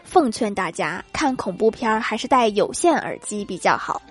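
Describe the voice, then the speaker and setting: A woman's voice: mid-range voice, expressive, normal speed, over music. A woman hosting a comedy segment, reading funny everyday anecdotes and laughing at her own punchlines. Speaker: host.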